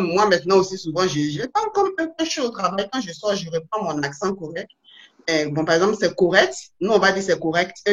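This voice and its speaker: A woman's voice: fairly low pitch, dull audio. A woman being interviewed, telling her stories animatedly and restarting often. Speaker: guest, immigrant to Canada. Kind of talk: casual interview. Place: Montreal.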